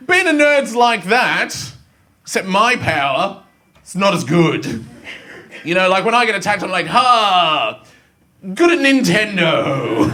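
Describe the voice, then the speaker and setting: An Australian man performing a live stand-up routine in a school theatre, telling stories in an animated way and slipping into quick voices. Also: sits high. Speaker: stand-up comedian. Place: school theatre before a live student audience.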